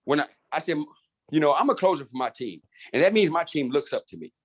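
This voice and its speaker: A man leading a marketing team, talking in a fired-up, animated, straight-talking way in a casual chat on a video call. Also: a little high, fast talker. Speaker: network marketing team leader.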